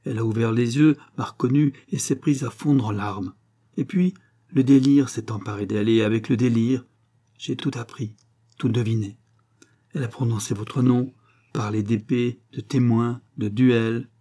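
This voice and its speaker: A man's voice: medium pitch, fairly even intonation, moderate pace, mellow, natural voice. A man voicing a grieving noble mother, a marquise, who pleads with emotion, rising to cries. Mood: anxious telling.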